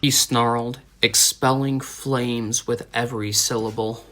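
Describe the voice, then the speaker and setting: A male audiobook narrator reads a tense story in a steady, dramatic way. His voice sits at an ordinary middle pitch. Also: measured pace. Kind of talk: scripted narration.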